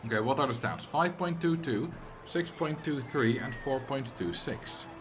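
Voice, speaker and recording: This native Dutch speaker, a young livestreamer from the Netherlands, takes an unhurried, animated approach as he comments casually on a game amid background noise. His medium-pitched voice has a Dutch accent, and he reads chat aloud, jokes back and sometimes breaks into loud, fed-up rants.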